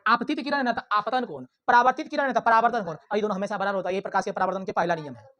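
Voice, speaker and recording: Guy teaching physics to a class, loud and drilling, keeps asking stuff then answering it himself. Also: sits high, racing. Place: classroom with students.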